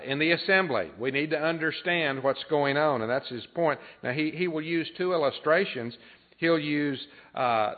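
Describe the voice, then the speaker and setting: Male preacher, mid-pitched, measured teaching delivery full of "uh"s and throat clearing, heard over a thin phone-like recording. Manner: unhurried teaching with frequent "uh" fillers and throat clearing. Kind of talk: sermon. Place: church assembly. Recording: tinny phone-like sound.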